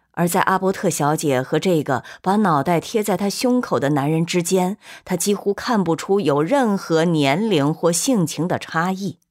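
A woman reads a literary novel aloud at an even, measured pace. Her voice sits on the lower side, calm and steady, carrying the scene without rush. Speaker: narrator. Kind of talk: scripted audiobook narration.

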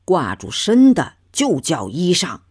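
Lady playing a stubborn old country grandma, blunt comebacks, low husky voice, slow and dry. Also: huge pitch swings, a little mellow, heavily acted. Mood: retorting. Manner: blunt, folksy retorts.

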